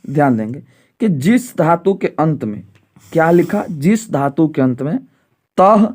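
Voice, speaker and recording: A male Sanskrit teacher in an exam-prep lesson, who asks himself questions, checks in often, and slows down to spell out word forms. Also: on the high side. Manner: repeats rhetorical questions and "ठीक है" to check understanding.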